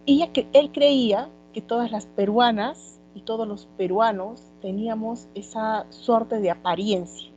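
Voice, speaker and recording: A woman from Peru with a Peruvian accent, teaching an online class in a conversational way, often pausing on fillers. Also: mid-range voice, warm tone, dull audio, a little hiss or hum. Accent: Peruvian Spanish. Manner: conversational, many fillers like "este".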